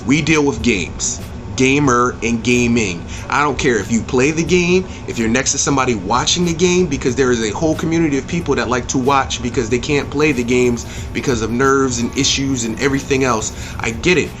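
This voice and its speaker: This video game movie reviewer and channel host talks a little fast in a medium-pitched voice over music. His review rant is opinionated, blunt and full of profanity, and he hammers home points by repeating phrases emphatically.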